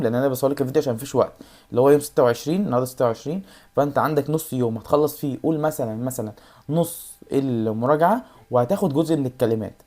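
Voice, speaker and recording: A woman with an Egyptian Arabic accent talks at a breakneck pace in a casual advice vlog. Her voice sits low and mellow. She speaks straight to the viewer and keeps reassuring them. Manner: rapid, addresses the viewer directly, repeats reassurances. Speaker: YouTuber giving exam study tips.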